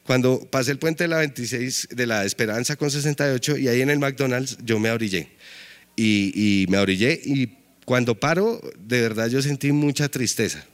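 A man's voice: medium pitch, moderate pace. A man telling a comic story on stage, chatty and talking straight to the audience. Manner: lively, chatty, addressing the audience.

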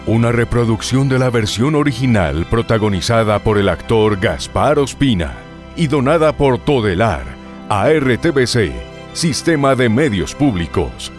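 A man's voice: mid-range voice, lively intonation, measured pace, soft background music. A man announcing a radio programme in a scripted introduction style.

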